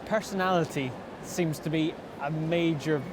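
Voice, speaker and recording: Man, TV presenter, friendly questions, high voice, outdoor traffic noise. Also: fairly even intonation, moderate pace. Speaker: television show presenter. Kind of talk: interview questions. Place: outdoors at a dog show.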